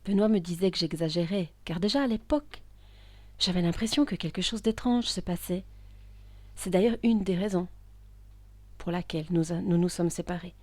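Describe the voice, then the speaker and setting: A woman narrating a first-person story in a hushed, intimate voice that is often whispered, with tense outbursts. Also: fairly low pitch, normal speed, no echo.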